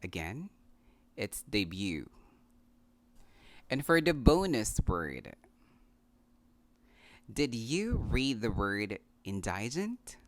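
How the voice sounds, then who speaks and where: A man with a Filipino accent teaching English pronunciation, repeating each word deliberately and slipping in Tagalog phrases. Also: mid-range voice, sing-song, no room sound. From Philippines. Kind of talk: pronunciation lesson.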